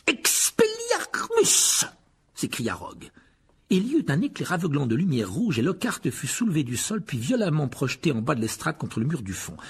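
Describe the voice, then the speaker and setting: Husky, expressive male audiobook narrator. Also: medium pitch. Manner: expressive storytelling. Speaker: audiobook reader. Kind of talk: scripted narration.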